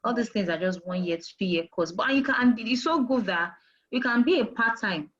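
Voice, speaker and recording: On the high side and expressive, her voice moves at a moderate pace through lo-fi sound. The Nigerian woman, appearing as an HR manager guest, offers career guidance forcefully, restating main points and asking questions she doesn't expect answered.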